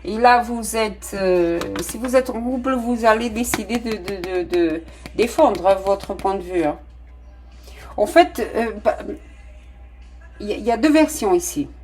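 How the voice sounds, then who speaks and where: A woman's voice: medium pitch, unhurried, a little mellow, soft background music. A woman with a non-native French accent giving a casual tarot reading, talking straight to her viewers with many fillers and restarts. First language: not French. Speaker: tarot reader.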